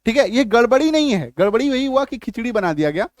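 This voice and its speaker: A middle-aged man talks fast in a very high voice with large pitch swings, and there's no room sound. He teaches English spelling and pronunciation in Hindi, repeating rules and frequently making sure students understand.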